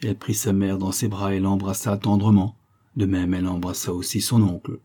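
A man narrating an audiobook of a classic novel in a measured, literary way. His voice is low, dark and mellow, with a husky grain. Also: level tone.

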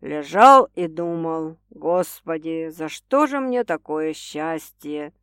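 A woman reading an audiobook, voicing a teasing, domineering young man who speaks slowly and wryly. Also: expressive, fairly bright tone, clean tone, no room sound, clean studio sound, full character voice. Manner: slow, low and wry. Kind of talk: audiobook character voice.

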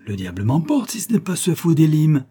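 Man doing jovial teasing officer, hearty, pitched up, warm husky. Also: wildly swooping pitch, fairly quick, full character voice. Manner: hearty, bantering.

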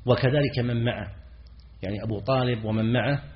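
Middle-aged male scholar, classroom lecture, mid-pitched voice, repeats words and checks understanding; muffled lo-fi recording. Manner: repeats key words, pauses to quiz students; clears throat now and then. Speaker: Islamic scholar teaching a text. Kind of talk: classroom lecture explaining grammar and meaning.

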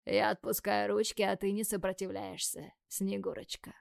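A woman voicing a bold, teasing young man in an audiobook, speaking low, slow and husky with a cocky murmur. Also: level tone, no echo, studio quality.

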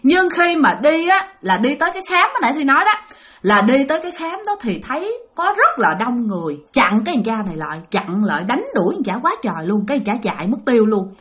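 A woman's voice: fairly high pitch, big pitch swings, fast, a bit bright. A woman with a Southern Vietnamese accent narrating a ghost story in a chatty way, talking directly to her listeners.

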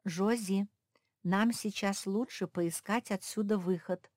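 Brief: sensible dog girl in a children's storybook, read by a woman, calm and even. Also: mid-range voice, slow, dry recording, studio quality, lightly acted.

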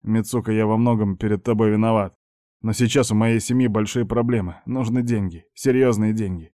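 A man reading an audiobook, voicing a sly middle-aged uncle who talks in a slow, drawn-out, mocking way. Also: fairly low pitch, fairly even intonation, warm tone, no echo, studio quality, natural voice. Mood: pleading. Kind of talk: audiobook character voice.

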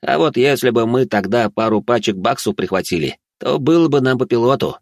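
A man doing a loud, brash young rowdy. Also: medium pitch, animated, fairly quick, no room sound, studio quality. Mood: boastful. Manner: loud, blustering.

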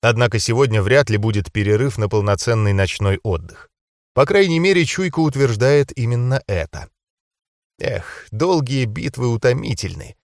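A man narrating a first-person fantasy audiobook in a calm, measured way. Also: mid-range voice, no room sound, studio quality.

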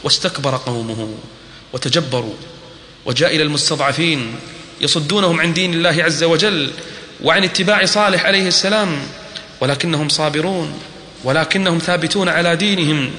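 A middle-aged man preaching a sermon that retells a prophet's story, switching between slow melodic chanting of scripture and rhetorical questions. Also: on the high side, sharp tone, a little hiss or hum. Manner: speaks in rhetorical questions and repetition. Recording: reverberant hall recording.

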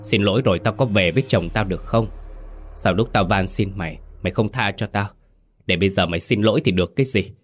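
A man's voice: fairly low pitch, fast, natural voice. A man doing a vengeful female ghost. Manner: accusing, echoing.

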